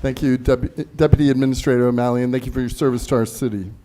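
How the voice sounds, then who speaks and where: A man's voice: mid-range voice, fairly even intonation, quick pace, warm tone, soft background music. A man speaking formally as a mayor, addressing a council meeting and reading out official text.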